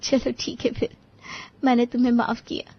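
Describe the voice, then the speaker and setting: A woman voicing a calm, sensible young wife who speaks in a composed, measured way. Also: fairly high pitch, breathy edge, lo-fi sound, voice pushed up.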